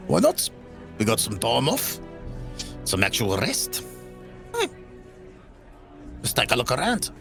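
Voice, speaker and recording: A man's voice: mid-range voice, wildly swooping pitch, slow, pauses often. A man improvising in-character conversation as a player in a tabletop role-playing game. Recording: clear music under the voice.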